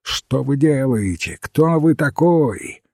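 A man reading the part of a blunt, agitated square-faced man who shouts out questions. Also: mid-range voice, lively intonation, takes it slowly, vocal fry, no echo, studio quality, voice pushed up, exaggerated voice.

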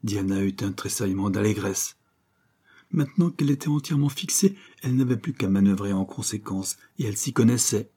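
Man, audiobook narrator, dramatic and measured, husky, dark warm tone. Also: fairly low pitch. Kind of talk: audiobook reading.

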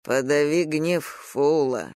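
A reader voicing a stern, protective grown man, a warrior, speaking slowly and firmly in an audiobook. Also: fairly high pitch, a little mellow, no echo, studio quality. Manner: slow, grave and firm.

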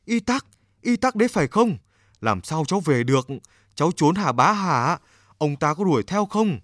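A man voicing a warm-hearted adult Eskimo hunter who fires off urgent questions in a raised voice in a storybook reading. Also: on the high side, very animated, moderate pace, no room sound, studio quality, pitched above the performer's own voice. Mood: excited.

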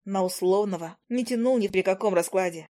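A woman reading a story aloud in the first person, with a wry, lively storytelling manner. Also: mid-range voice, brisk. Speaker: audiobook narrator. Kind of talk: first-person scripted narration.

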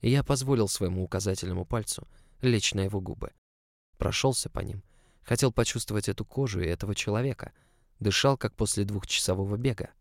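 A man's voice: fairly low pitch, fairly quick, dry recording. A man narrating a story in the first person, in an intimate, close storytelling manner. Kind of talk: audiobook narration.

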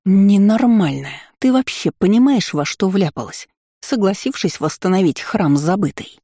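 Lady putting on a nasty hissing spider spirit lady, storybook villain, mellow dry voice. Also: lowish voice, big pitch swings, a little slow, no room sound, full character voice. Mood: furious. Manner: hissing, venomous. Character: spiteful scheming female spider spirit.

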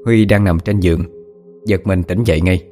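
A man narrating a story as an audiobook reader, steady and expressive. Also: sits low, normal speed, soft background music.

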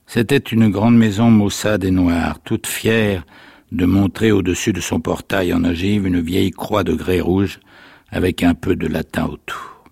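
A male actor reads a literary story aloud with measured, expressive pacing. His voice is very low, husky and gravelly. The studio sound is dry and close. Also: no echo. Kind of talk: literary reading.

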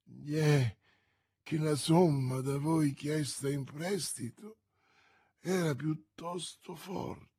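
A man's voice: on the high side, slow, warm tone, breathy edge, no echo, studio quality, heavily acted. A man voicing a lovesick, stingy lawyer's wife who speaks in a plaintive, pleading way. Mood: sad.

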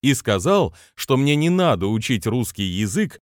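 A business trainer reads his own motivational book aloud in an earnest manner with non-native pronunciation. His mid-range male voice swings widely in pitch at a moderate pace, captured in a dry, clean studio recording.

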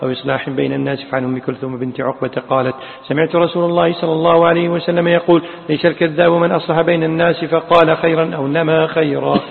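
A man's voice: a little high, little pitch movement, rapid-fire, vocal fry. A man teaching, reading classical Quran commentary aloud and chanting the quoted verses melodically. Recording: tinny, echoey hall sound.

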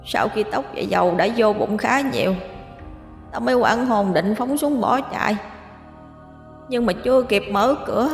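A woman voicing the ghost of a young man confessing how he died, coarse and frightened, in an audio horror story with echoey reverb and music behind. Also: a little high. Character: terrified dead young man recounting his death.

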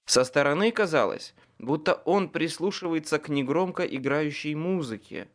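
A man reading a first-person audiobook in an expressive, dramatic way. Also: fairly high pitch, normal speed. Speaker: audiobook narrator.

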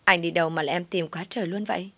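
Woman as a shrill, accusing pregnant young woman. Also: fairly even intonation, very fast, dry recording. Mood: reproachful. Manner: pleading, accusing, crying out.

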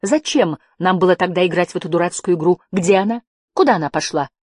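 A woman's voice: fairly low pitch, quick pace, darkish tone, no room sound, clean studio sound, close to an everyday voice. A woman voicing an impatient young girl who fires off insistent questions.

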